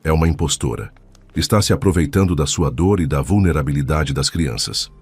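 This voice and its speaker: Guy doing stern housekeeper lady, pushy and cold, deep husky voice. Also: lively intonation, fairly quick, darkish tone, no room sound, soft background music, heavily acted. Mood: insistent. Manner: urgent, coldly insistent. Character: stern loyal middle-aged woman housekeeper.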